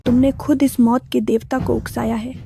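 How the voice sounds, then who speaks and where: A gravelly, greedy old grandmother. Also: a little high, little pitch movement, normal speed, mellow. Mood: scolding. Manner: whining, self-pitying. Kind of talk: Hindi dub of a drama series.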